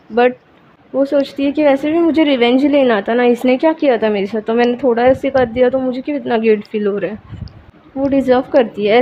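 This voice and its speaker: A woman narrating a romance story in a casual, chatty way, linking events with "so then", on a dull, lo-fi recording with faint hiss. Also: on the high side.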